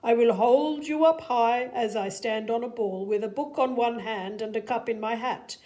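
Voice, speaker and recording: A woman voicing a playful, boastful male trickster cat in a children's storybook, with showy emphasis and drawn-out words. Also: on the high side, mellow, close to an everyday voice. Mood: boastful, excited. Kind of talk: animated children's storybook reading.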